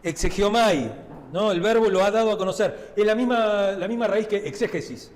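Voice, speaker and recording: A man's voice: sits high, normal speed, in a large hall. A man with a Rioplatense Spanish accent preaching a sermon, talking to the congregation in a conversational way and often checking in with tag questions. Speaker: pastor. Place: church sanctuary.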